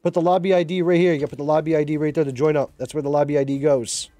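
A man live-streaming a mobile shooter, chatting casually and excitedly urging his viewers, often repeating himself. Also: fairly high pitch, very fast, no echo, soft background music.

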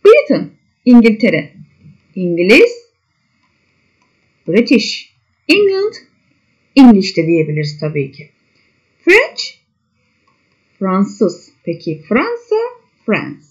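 A woman teacher working through a worksheet with children, step by step. She reads English words with a high lift, then gives their meaning, and keeps checking back with her pupils. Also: sing-song, slow pace, pauses often, a little mellow. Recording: dull lo-fi sound.

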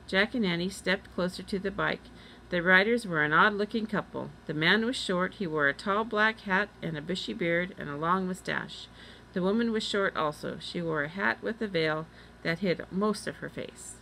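A woman reading a children's chapter book aloud in steady, clear narration. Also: lowish voice, normal speed, a little hiss or hum, poor audio. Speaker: reader. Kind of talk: storybook read-aloud.

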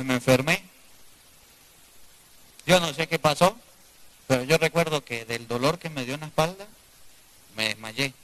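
Male priest, sermon to a live congregation; bright, forceful tone, drops to a hush between emphatic questions. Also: on the high side, poor audio. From Venezuela. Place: church before a live congregation.

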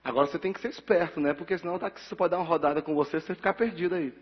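Accepting an honorary title in a big council chamber, this middle-aged Bahian pastor recounts his life with animated energy, performing the dialogue himself. His voice sits on the high side, husky and rapid-fire, with a Bahian Portuguese accent. The recording is dull and carries a long hall reverb.

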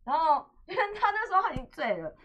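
A woman's voice: sits high, quick pace, dull audio. A young woman with a Taiwanese Mandarin accent, hosting a radio chat and telling stories with acted-out dialogue and laughter. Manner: animated storyteller, acts out dialogue, laughs often. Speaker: radio host. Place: radio studio.

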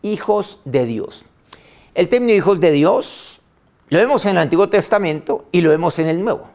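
A man preaching a sermon, reading scripture aloud with emphasis, slowing on key phrases and letting line ends trail off softly. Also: high voice, animated. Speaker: pastor.

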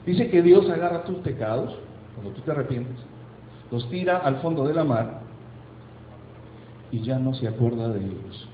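A man preaching as pastor, emphatic, asking rhetorical questions and slowing down for effect. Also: medium pitch, lively intonation, roomy sound, phone-quality sound, a little hiss or hum. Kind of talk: sermon. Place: church sanctuary.

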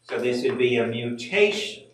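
A man leading a church Bible study class, explaining slowly and deliberately and putting questions to the group. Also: medium pitch, lively intonation, slight background noise. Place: church meeting room. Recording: echoey room, mic far off.

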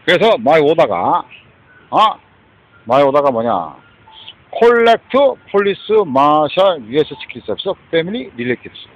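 A raised, husky male voice swings up and down in pitch as he rants on and on. He keeps stopping to throw a questioning "huh?" at the listener and drops English phrases into his talk. It sounds like a dull, lo-fi street recording. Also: very animated, moderate pace. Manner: agitated, repeatedly prompts with "huh?", mixes in English phrases. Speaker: homeless man ranting. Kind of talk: rambling monologue.

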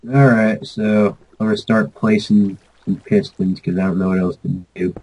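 A man's voice: lowish voice, level tone, normal speed, dark tone, breathy edge, rough recording. A young man chatting casually and bluntly while gaming over a call, teasing and swearing.

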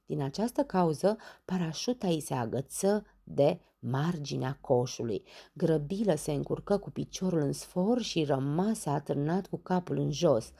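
A woman reading a children's bedtime story aloud, acting out the characters' lines with lively shifts in voice. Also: vocal fry, slightly rough. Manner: acts out the characters' lines with raised pitch and loudness.

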